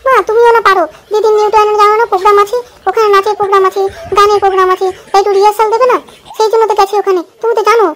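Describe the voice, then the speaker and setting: A woman's voice: very high-pitched, little pitch movement, rapid-fire. A woman voicing a chirpy, bossy young goddess daughter in a cartoon, with an eager, nagging, chatty manner. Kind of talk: cartoon voice acting.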